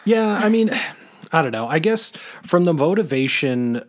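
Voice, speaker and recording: A man's voice: a little high, sing-song, a little slow. A man co-hosting a podcast, chatting casually about a film, rambling with many fillers and restarts. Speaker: podcast co-host.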